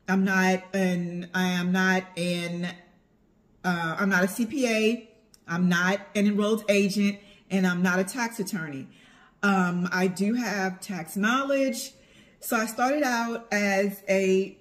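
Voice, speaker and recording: A middle-aged woman chatting casually to her followers in a vlog, drawing out words for emphasis as she tells her story. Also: medium pitch. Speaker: vlogger, tax preparer.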